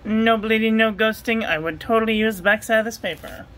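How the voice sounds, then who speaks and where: A woman reviewing ink and paper at a home desk, talking through a steady, repetitive checklist and getting excited about the ink colors. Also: fairly high pitch, a little fast, low-quality recording. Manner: enthusiastic over ink colors. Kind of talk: casual product review voice-over.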